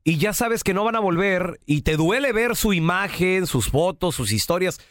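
A man's voice: high-pitched, expressive, moderate pace, a bit bright, no room sound. A man with a Mexican Spanish accent co-hosting a comedy podcast, playful and teasing, reading song lyrics with mock drama. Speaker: podcast co-host. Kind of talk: casual comedic chat.

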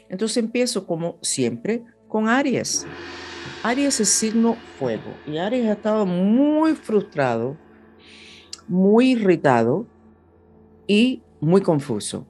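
A woman's voice: low voice, darkish tone. Woman, second-language Spanish, over music. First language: not Spanish (Spanish is second language). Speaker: astrologer, horoscope presenter. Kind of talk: unscripted horoscope and spiritual talk to audience.

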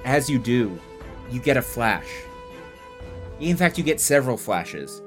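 A man's voice: mid-range voice, very animated, unhurried, faint music behind. A man running a tabletop game, narrating scenes descriptively and playfully to the players. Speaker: game master.

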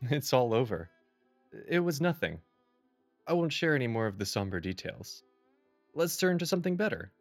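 An actor playing an earnest, gentlemanly Victorian doctor in a period mystery audio drama. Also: male voice, mid-range voice, very animated, moderate pace, long pauses, no room sound, soft background music. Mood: reassuring.

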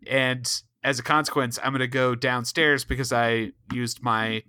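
A man's voice: medium pitch, level tone, measured pace, pushed and bright, clear, resonant tone, dry recording, clean studio sound. A man co-hosting a podcast, recapping a TV episode with wry, sarcastic asides. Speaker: podcast co-host. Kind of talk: casual chat recapping a TV episode.

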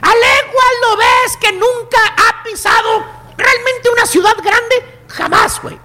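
Shrill mocking Mexican radio host man. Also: a little slow. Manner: rowdy, mocking, often shouting. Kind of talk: comedic radio monologue.

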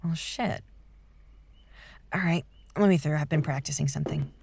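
A woman's voice: deep voice, moderate pace, gravelly, background noise. An actress playing a blunt, foul-mouthed young woman who leads the group with impatient exasperation. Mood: tense. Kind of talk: audio drama acting.

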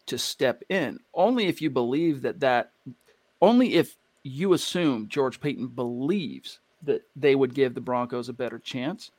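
A man's voice: medium pitch, dry recording. A man with an American accent hosting a sports show, talking casually and emphatically, often tossing in rhetorical questions. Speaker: sports livestream host. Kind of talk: casual sports talk and commentary.

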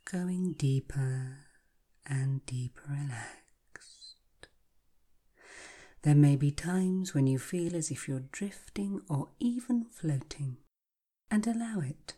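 A woman guiding a hypnotic relaxation in a soft, breathy, half-whispered voice, slow and soothing like a calming countdown. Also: very deep voice. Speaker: hypnotherapy guide. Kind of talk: guided hypnosis relaxation, scripted narration.

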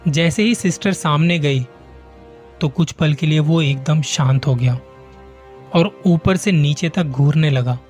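A man reading a horror story as suspenseful first-person narration, slow and measured. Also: on the high side, a little mellow, soft background music.

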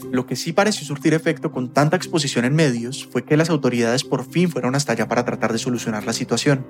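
A man narrating a documentary podcast at a brisk clip, his voice sitting at a middle pitch. He reads a script with a measured, storytelling delivery. Faint music plays underneath.

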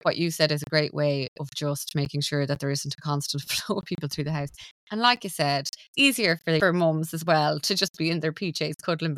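A woman's voice: deep voice, fairly bright tone, dry recording. An Irish woman giving conversational health advice in an informal, reassuring way, like a podcast host.

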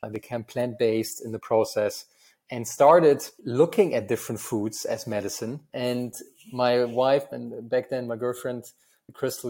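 A man's voice: mid-range voice, dark tone. A man in his thirties from Germany, speaking with a German accent. He is a guest entrepreneur in a casual interview, earnest and talkative, often repeating a word as he restarts a phrase.

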